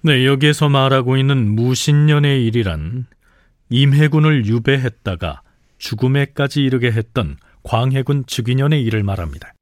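A man hosting and narrating a history program in clear, explanatory scripted speech. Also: mid-range voice, lively intonation, normal speed, no room sound, clean studio sound.

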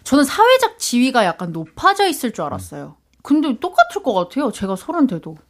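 A woman in her twenties chats playfully as a radio guest. Her voice sits a little high and moves a lot, bright with quick agreement. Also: huge pitch swings. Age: 20s. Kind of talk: casual radio chat.

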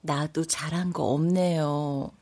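An actress in her thirties playing a divorced woman in a radio drama, speaking quietly and hesitantly. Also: low-pitched, fairly even intonation, slow pace. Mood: sad. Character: divorced woman, reserved, hurt, softening.

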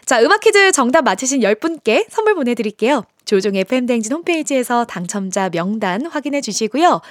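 A woman presents a radio quiz like a game show host. Her voice is high and very animated, swinging into a sing-song lilt, and it sounds close and dry. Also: fast, dry recording.

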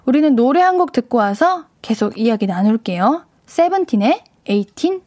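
Chatty female radio DJ, bright higher voice. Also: very animated, normal speed, no echo. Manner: chatty, addresses listeners directly. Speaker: radio DJ host. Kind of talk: casual radio chat reading listener messages. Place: radio studio. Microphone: studio microphone.

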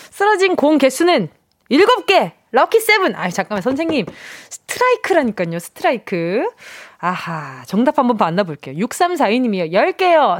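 A young woman hosting a playful radio quiz show, animated and theatrical as she reads listener messages aloud. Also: fairly high pitch, no room sound, clean studio sound. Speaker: radio host. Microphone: studio microphone.

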